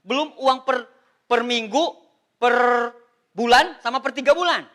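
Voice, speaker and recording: A man from Indonesia in his thirties giving an animated, joking motivational seminar talk, addressing the audience as Pak. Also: very high voice, unhurried. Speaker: motivational speaker on MLM.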